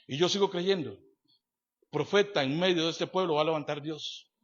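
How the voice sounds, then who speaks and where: Speaking at normal speed with a voice on the high side, a man preaches as pastor, repeating himself emphatically and alternating loud statements with hushed asides. He questions the congregation rhetorically and directly; the church audio is dull and lo-fi.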